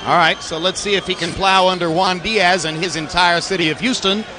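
High, projected male boxing commentator. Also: fairly even intonation, brisk, noisy background. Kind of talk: sports broadcast commentary.

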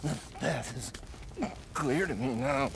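An actor voicing a bitter, gloating cult leader villain in a video game, declaiming theatrically. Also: male voice, mid-range voice, slow, vocal fry, very noisy. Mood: dazed.

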